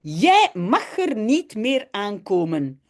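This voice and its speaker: A woman reading aloud the lines of a cross little girl guarding her dollhouse, in a slow, deliberate way. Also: mid-range voice, sing-song, a little mellow. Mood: scolding. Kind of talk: reading a children's story aloud.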